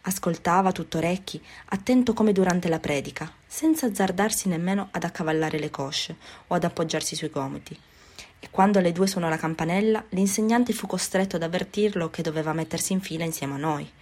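A woman narrating a novel as an audiobook, in a measured and expressive reading. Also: lowish voice.

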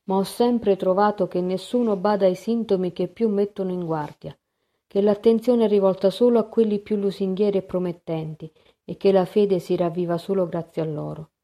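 A woman's voice: medium pitch, steady tone, moderate pace, mellow, lightly acted. A woman reading the part of a fussy, exasperated male mediator in an audiobook, in an emphatic manner.

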